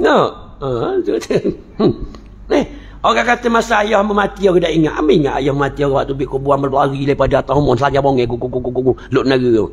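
A man's voice: mid-range voice, quick pace, highs cut off. A man with a Terengganu Malay accent, a religious teacher giving a humorous lecture, joking and telling stories in dialect between points of teaching. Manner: joking, storytelling, playful dialect asides.

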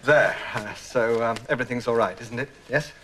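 An actor playing a meek, flustered middle-aged business partner in a British sitcom, hesitant and placating, with an English accent. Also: male voice, medium pitch, normal speed, a bit bright, natural voice. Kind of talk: 1980s British studio sitcom acting. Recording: noisy old studio TV tape.

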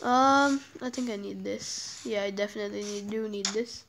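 A young woman chatting excitedly while playing a video game, with frequent exclamations. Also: mid-range voice, moderate pace, background noise. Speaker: gamer. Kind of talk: casual game commentary.

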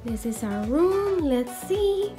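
A woman with a high, bright-pitched voice talks casually and unhurriedly into her phone, playful and quick to laugh. Music plays clearly behind her. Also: very animated. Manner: chatty and playful, with little laughs. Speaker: vlogger. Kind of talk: casual vlog narration.

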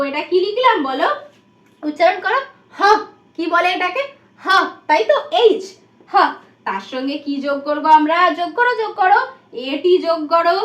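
A woman's voice: very high-pitched, fairly bright tone, echoey room. A woman teacher from West Bengal with a Bengali accent, giving a demo class to small children in a sing-song, coaxing way full of prompting questions.

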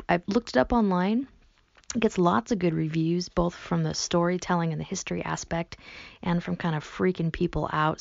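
A woman's voice: lowish voice, vocal fry, a little mellow, no room sound. A woman hosting a travel podcast, chatting informally to her listeners. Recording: slightly muffled, dry close recording.

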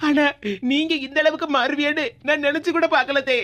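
Casting: a woman as a plaintive young cartoon daughter-in-law, high and quick, Tirunelveli Tamil accent. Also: steady tone, fairly bright tone. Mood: hurt. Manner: complaining, plaintive. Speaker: cartoon voice actor. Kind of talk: comic cartoon voice acting.

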